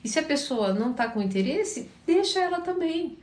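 A woman's voice: high-pitched, normal speed, roomy sound. Tired woman with a Curitiba accent, advising. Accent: Curitiba Portuguese. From Paraná, Brazil. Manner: calm, advising, often checks in with listeners. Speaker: therapist answering viewers' questions. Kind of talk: live Q&A advice chat.

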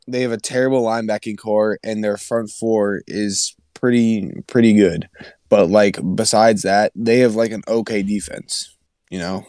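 A man's voice: on the low side, fairly even intonation, moderate pace, darkish tone, dry recording, studio quality. A young man on a sports podcast who rambles, loses his words and giggles as he talks. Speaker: podcast co-host. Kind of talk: casual sports chat.

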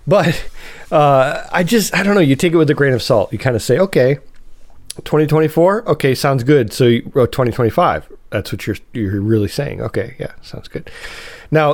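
A man's voice: medium pitch, animated, moderate pace, dry recording. A man hosting a solo podcast with a cold, sounding nasal, talking in a rambling, chatty way and often correcting himself. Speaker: podcast host. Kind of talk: casual solo podcast talk.

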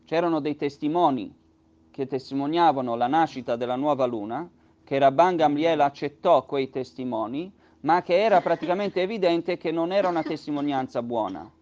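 A male teacher gives a text study lesson in a slightly raised voice. He reads out each phrase in Hebrew, then unpacks it slowly and patiently, restating each point. The recording sounds dull and lo-fi. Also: on the high side, a little mellow. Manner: explains patiently, with many restatements.

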